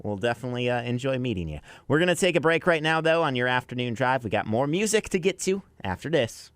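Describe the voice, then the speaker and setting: With big pitch swings and a quick pace, an American afternoon drive DJ links songs and reads sponsor copy from his radio studio. He speaks into a close broadcast microphone, his medium-pitched voice slightly bright.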